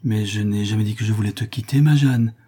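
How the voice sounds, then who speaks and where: A man voicing a timid, loving older woman who speaks in a gentle, anxious way in a read-aloud story. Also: lowish voice, fairly quick, breathy edge.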